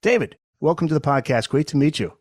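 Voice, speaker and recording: A man hosting a podcast, reading a lively scripted intro and then interviewing his guest. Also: on the high side, quick pace. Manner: upbeat announcer-style delivery. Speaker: podcast host.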